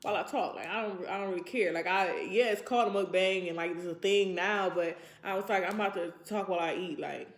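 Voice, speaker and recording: Here a woman in her 20s rambles reflectively to her vlog viewers, keeping things casual. She has a fairly low voice and talks quickly, barely pausing, while the room sounds spacious and echoey.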